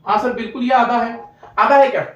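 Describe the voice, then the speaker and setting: Brief: male physics teacher, high and urgent, quizzing a class, echoey room, dull distant mic. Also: fairly bright tone. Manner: coaxing, drilling students with quick questions. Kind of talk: classroom lecture.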